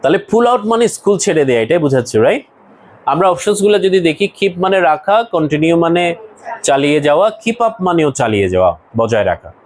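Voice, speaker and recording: A man's voice: a little high, sing-song, fairly quick, a little hiss or hum, low-quality recording. A man teaching an English lesson to a class, explaining words one by one and asking students questions.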